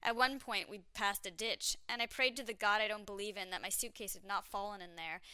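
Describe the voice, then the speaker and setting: A woman's voice: mid-range voice, steady tone, brisk, bright, forceful tone, clean tone, no room sound. A woman narrating her own travel story in a candid, wry, self-mocking way.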